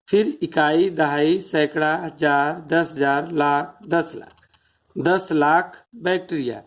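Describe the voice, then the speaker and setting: A teacher walks through a math lesson at an unhurried, deliberate pace. Each place value is counted out in turn. Rhetorical questions are dropped in to keep the listener following along. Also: mid-range voice. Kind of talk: step-by-step classroom explanation.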